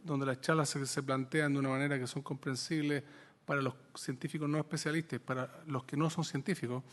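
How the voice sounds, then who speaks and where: A man, a scientist speaking in a committee session, often halting and repeating words as he searches for them. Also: medium pitch, fairly even intonation. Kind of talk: committee discussion.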